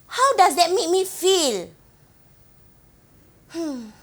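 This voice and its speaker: An actress with a Singaporean accent, playing a young woman who fondly recalls her island village childhood, gently telling her story and asking the listener questions. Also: very high-pitched, very animated, very slow, full character voice. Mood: reminiscing. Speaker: actor in a monologue. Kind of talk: theatrical storytelling monologue to the audience.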